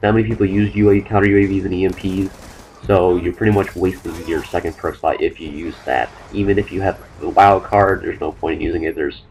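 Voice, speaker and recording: Fast-rambling young man, deep voice. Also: steady tone, creaky, a little mellow, a little hiss or hum, poor audio. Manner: fast, rambling, with many fillers and restarts. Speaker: gaming commentator. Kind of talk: gameplay commentary.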